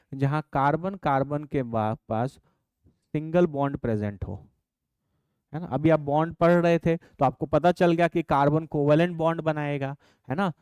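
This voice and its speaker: Male teacher, crisp voice with a raised pitch, explains and dictates notes patiently. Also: a little mellow, no echo. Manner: dictates definitions slowly, calls students "babu". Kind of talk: classroom chemistry lesson.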